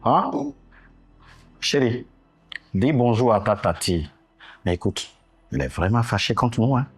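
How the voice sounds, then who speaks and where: An actor playing a smooth-talking younger brother in a TV drama, speaking French with a West African accent, coaxing and soothing his sister. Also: lowish voice, animated, a little slow, faint music behind. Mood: teasing. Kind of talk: TV drama dialogue.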